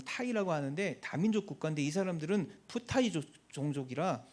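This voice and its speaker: High-voiced man telling a lively testimony. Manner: animated, acts out quoted people. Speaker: missionary giving a testimony. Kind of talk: church testimony storytelling.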